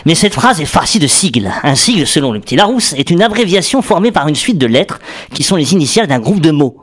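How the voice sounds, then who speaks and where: A man's voice: a little high, sing-song, fairly quick. Man, radio columnist, explanatory, jokey, thinking aloud, studio mic. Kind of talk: radio chronicle on acronyms.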